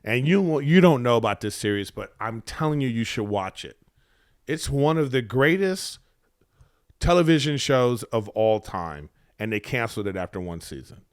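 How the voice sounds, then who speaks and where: A man co-hosting a podcast in casual conversation, telling things in an animated way and acting out imagined reactions. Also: medium pitch, normal speed, clean tone, dry recording, clean studio sound. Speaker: podcast co-host.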